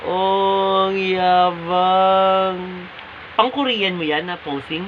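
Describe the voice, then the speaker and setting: A man's voice: high-pitched, steady tone, very slow. A man filming a casual home vlog, asking playful, teasing questions. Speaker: vlogger. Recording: dull home video sound, faint hiss.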